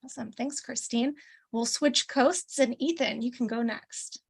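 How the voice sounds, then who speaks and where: A woman hosts an online alumni panel over a video call, casual live-stream hosting that's chatty and loose, with lots of ums and restarts. Her fairly high voice is gravelly and slightly rough, with a steady tone and measured pace.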